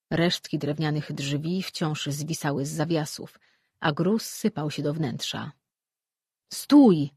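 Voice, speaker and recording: A steady, measured fantasy narration read by an audiobook narrator. The voice is husky and a little breathy. It is recorded close and dry. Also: medium pitch, no echo.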